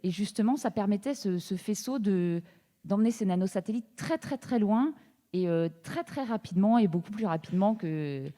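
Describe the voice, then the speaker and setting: A woman's voice: medium pitch, lively intonation, normal speed, dark tone, long reverb tail. A woman in the audience asking a question hesitantly, searching for her words. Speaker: audience member.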